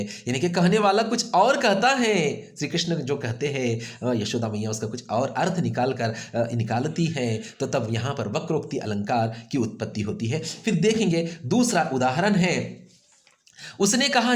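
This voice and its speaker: A male teacher with a medium-pitched voice explains a grammar lesson step by step. He poses questions and answers them himself, repeating key phrases over and over. When he acts out a quote, his pitch jumps up sharply.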